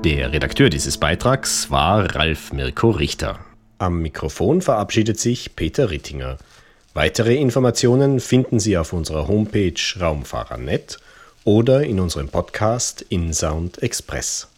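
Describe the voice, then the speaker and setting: A man's voice: low voice, very animated, moderate pace. A man reading scripted science news in a formal manner as a podcast presenter.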